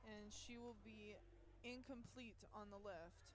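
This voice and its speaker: Her tone steady and her pitch medium, a woman calls a school powerlifting meet live in a halting manner, full of pauses and fillers, her voice worn from the previous day's yelling. The background is noisy.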